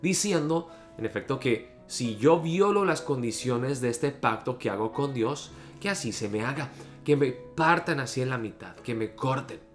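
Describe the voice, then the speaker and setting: A man's voice: mid-range voice, expressive, moderate pace. A man preaching a daily devotional with earnest teaching, reading scripture aloud and explaining it. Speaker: pastor. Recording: faint guitar music behind.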